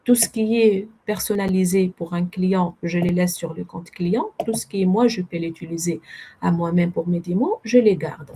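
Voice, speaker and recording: A woman presenting a webinar with a non-native French accent, walking viewers through a software demo and explaining step by step while typing. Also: lowish voice, normal speed, a little hiss or hum. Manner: explanatory, addresses audience as friends, self-corrects.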